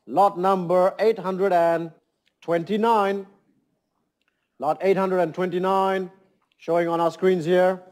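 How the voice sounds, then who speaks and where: A man's voice: high voice, steady tone, slow, pauses often, a little mellow. A man working as a fine art auctioneer, calling bids and repeating prices in a polished, courteous patter to a saleroom. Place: saleroom with seated bidders and phone lines.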